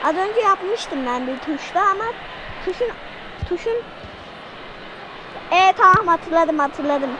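A woman giving excitable let's-play commentary, shouting at the game and talking to her viewers. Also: very high voice, takes it slowly, pauses often, background noise. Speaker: gaming channel host.

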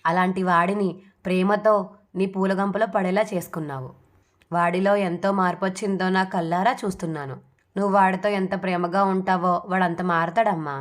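A woman's voice: on the low side, steady tone, normal speed, close to an everyday voice. Woman reading as a fond elderly grandmother. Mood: soothing.

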